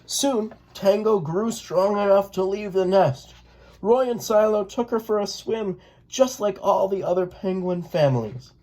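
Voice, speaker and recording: Slow, mellow storybook reader. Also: medium pitch, poor audio. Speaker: read-aloud storyteller. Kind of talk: children's picture book read-aloud.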